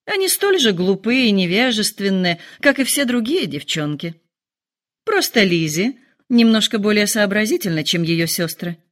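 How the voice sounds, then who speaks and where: A dry, quietly teasing middle-aged husband answers with calm irony, voiced by a woman reading aloud. His lines keep a lively lilt despite the deadpan wit. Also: mid-range voice, moderate pace. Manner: dry, calm, mildly ironic.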